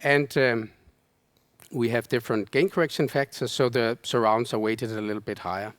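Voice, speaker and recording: A man presenting a technical lecture, explaining in a measured way. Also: mid-range voice, steady tone, fairly bright tone, dry recording. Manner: explanatory, measured, casual fillers. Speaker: conference presenter.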